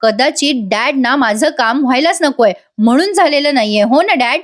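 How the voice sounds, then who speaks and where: A woman reading the lines of a defiant grown daughter who loudly confronts her father. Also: high-pitched, lively intonation, moderate pace. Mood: confronting. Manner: loud and confronting.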